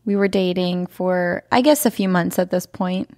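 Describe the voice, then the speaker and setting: A young woman telling a personal story in casual conversation, animated and laughing often. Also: fairly low pitch, moderate pace, no echo, clean studio sound. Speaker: podcast guest, host's wife.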